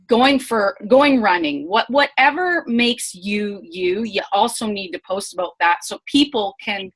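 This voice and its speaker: A woman's voice: mid-range voice, a bit bright. A woman talking to her team over a computer microphone in a casual live presentation. Her voice sits in an ordinary middle register. She is flustered and apologetic, muttering curses, yet chatty, informal and encouraging. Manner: flustered, apologetic, swears under her breath. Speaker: team leader presenting a sales training.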